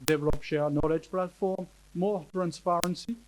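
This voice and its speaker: A man with a French accent, a native French speaker, giving a conference presentation in English, halting, with many fillers and restarts. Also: high-pitched, fairly even intonation, poor audio. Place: conference hall.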